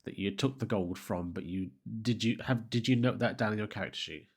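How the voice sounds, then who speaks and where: Deep-voiced game master. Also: male voice, brisk. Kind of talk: casual tabletop game chat.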